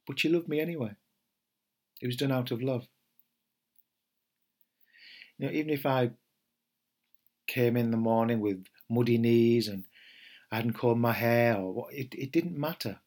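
Soft-spoken man with a husky voice. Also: mid-range voice. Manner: gentle, unhurried, pausing with fillers and restarts. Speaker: meditation teacher. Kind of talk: podcast talk before a guided meditation.

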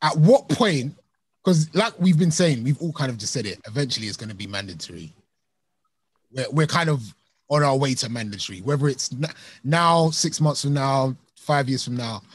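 A man's voice: medium pitch, lively intonation, moderate pace, slightly rough. A man talking informally and emphatically in a casual discussion, often repeating his points.

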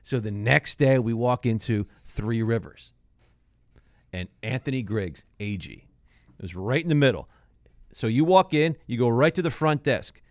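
A man's voice: medium pitch, animated, a little slow, no room sound. A man who used to play pro football, telling long, profane stories in casual chat. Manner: profane, rambling anecdotes. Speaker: former pro football player. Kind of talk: casual podcast storytelling.

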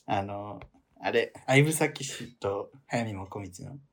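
A man's voice: fairly low pitch, slow, slight background noise. A man co-hosting a casual chat show, wry and teasing, often laughing. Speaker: podcast co-host.

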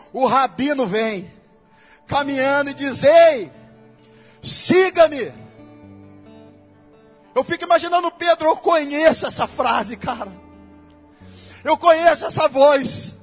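A Brazilian man preaching in a church with a very high voice. He keeps the sermon casual and full of slang and speaks straight to the congregation. Soft music plays behind him. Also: measured pace. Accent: Brazilian Portuguese. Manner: casual, slangy preaching that addresses listeners directly.

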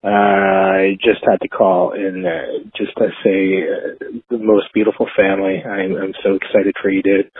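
A man from Canada leaving an earnest, halting voicemail over a landline phone. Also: sits low, little pitch movement, breathy edge. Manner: earnest, halting, searching for words. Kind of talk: casual spoken message. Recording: tinny phone-line voicemail.

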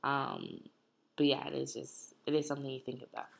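A woman's voice: a bass voice, level tone, a little fast, gravelly, noisy background. A woman co-hosting a casual discussion, speaking in a reflective, hesitant way.

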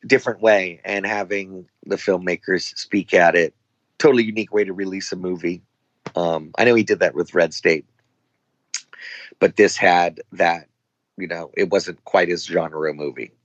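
A man's voice: low-pitched, normal speed, dry recording, highs cut off. A man, an actor as guest, telling rambling casual anecdotes and acting out quoted dialogue.

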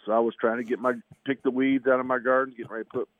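A man's voice: medium pitch, little pitch movement, very fast, no echo. A fifty-year-old man, an athletic director, talking in a chatty, folksy way on a radio show, his voice nasal and congested from allergies. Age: 50s. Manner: chatty, folksy, repeats himself. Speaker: high school athletic director. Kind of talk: phone-in radio interview. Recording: tinny phone line.

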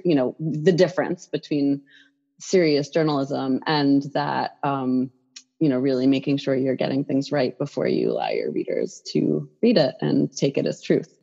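A woman's voice: very deep voice, vocal fry, mellow, slightly rough, highs cut off. A woman who writes children's picture books, chatting in an interview with lots of fillers and restarts. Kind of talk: casual interview conversation.

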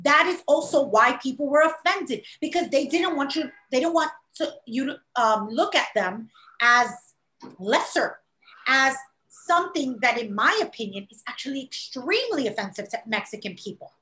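In an echoey room, a high-pitched woman from New York City talks casually at a moderate pace. Her New York accent has a Puerto Rican flavor, and she's animated, acting out the voices of people she quotes.

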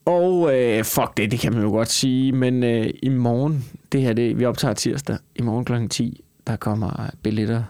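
A man's voice: medium pitch, hardly any pauses, darkish tone, clear, resonant tone, no echo. A Danish man hosting a casual podcast chat, swearing freely and ranting with incredulity. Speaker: podcast host; stand-up comedian.

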